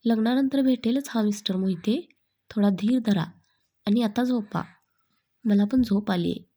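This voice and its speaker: A woman's voice: on the high side, a little slow, warm tone. A woman playing a playful young bride-to-be. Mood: tender. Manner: coaxing, playful.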